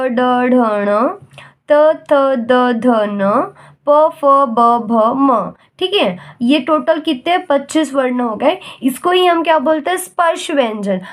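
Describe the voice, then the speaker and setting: Female teacher, high voice, patient lesson delivery with frequent check-ins. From India. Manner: patient, repeats "ठीक है?" to check understanding; recites letters slowly one by one. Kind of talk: classroom-style lesson explanation.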